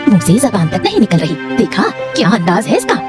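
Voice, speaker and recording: A woman voicing a sharp-tongued, scheming sister-in-law in a cartoon, taunting and scolding. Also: medium pitch, huge pitch swings, fairly quick. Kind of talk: cartoon voice acting. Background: background music.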